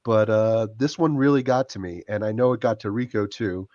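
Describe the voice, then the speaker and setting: A hoarse man hosting a casual live-streamed podcast, talking haltingly with plenty of fillers. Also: fairly low pitch, a little mellow, dry recording, highs cut off. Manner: halting, many filler words. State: hoarse from illness. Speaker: podcast host.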